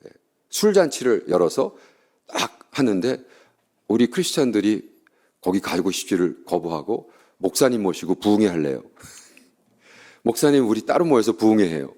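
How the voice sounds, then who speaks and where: A man's voice: lowish voice, very animated, moderate pace, long pauses, darkish tone. A middle-aged male pastor preaching a revival sermon, telling stories animatedly and acting out the voices of the people in them.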